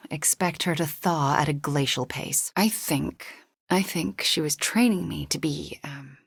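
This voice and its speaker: An actress playing a powerful, guilt-haunted young witch superheroine in a video game, guarded yet tender, with a breathy, husky, measured delivery that often becomes hushed. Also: sits low, no echo, studio quality, exaggerated voice. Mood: warm, measured. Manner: measured, intimate, often dropping to a hushed near-whisper. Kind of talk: video game character voice lines.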